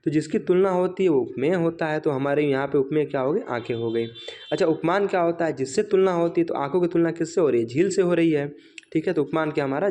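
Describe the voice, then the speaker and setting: Man teaching, slightly high voice. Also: darkish tone, slight background noise. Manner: rhetorical questions answered himself, frequent "right?"; slows down to recite example lines. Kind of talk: exam revision lecture.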